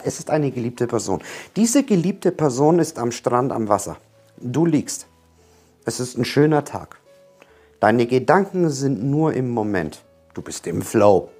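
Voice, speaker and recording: Husky guy doing a self-help talk, earnest, keeps repeating himself, soft music behind. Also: mid-range voice. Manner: earnest, repetitive, speaks straight to the viewer. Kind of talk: motivational self-help monologue.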